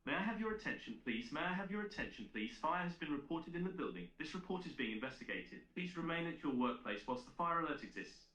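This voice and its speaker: A man's recorded alarm announcement played through a public address loudspeaker, delivered in a fast, even, automated way. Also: on the high side. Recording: echoey room, loudspeaker playback.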